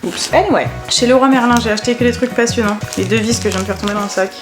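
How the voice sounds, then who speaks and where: A woman's voice: a little high, fast, music in the background. A young woman from France chatting casually to her phone camera while running errands, exhausted and self-mocking, rambling from one aside to the next. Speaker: vlogger. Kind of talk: casual vlog chat to camera. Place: car, shops and home, moving around.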